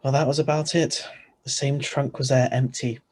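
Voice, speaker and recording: Over a video call, a man reads a part in a 1940s-style radio play as an ordinary, easily flustered married man narrating his own story. His medium-pitched, darkish voice is flat and moderately paced, lightly acted, with a wry storytelling mood.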